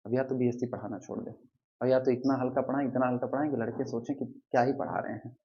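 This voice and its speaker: A man teaching a math lecture at the board, quizzing his students and slowly counting through terms. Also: mid-range voice, steady tone, highs cut off.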